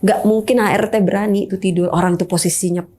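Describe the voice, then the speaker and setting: A woman tells her own ghost story as a guest in a relaxed chat. Her tone is mellow and warm, and her pitch sits in the middle. She acts out each scene and drops to a hushed whisper when she quotes others. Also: fast talker, soft background music. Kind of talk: casual spoken storytelling.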